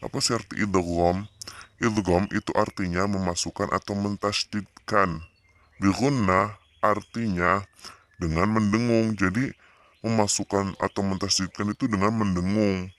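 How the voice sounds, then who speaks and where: A young man giving a casual lesson on recitation rules, hesitant with many pauses, drawing out his example readings slowly. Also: lowish voice, fairly even intonation, fairly bright tone. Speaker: Quran recitation teacher.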